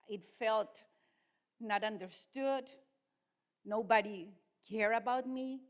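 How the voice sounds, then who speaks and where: Woman. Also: fairly high pitch. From Chile. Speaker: guest speaker, ministry leader. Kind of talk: personal testimony.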